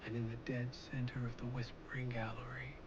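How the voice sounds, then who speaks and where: A male actor playing a melancholy vampire recounting his past in a TV drama, with measured, brooding, poetic narration. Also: medium pitch, little pitch movement, dull audio, background noise, close to an everyday voice. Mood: regretful, intimate.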